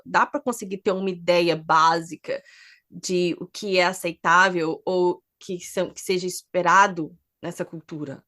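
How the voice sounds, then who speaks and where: A woman, co-hosting a podcast in casual chat, giving advice and steering the topics. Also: fairly low pitch. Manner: lively, gives advice and leads topics. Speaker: podcast co-host.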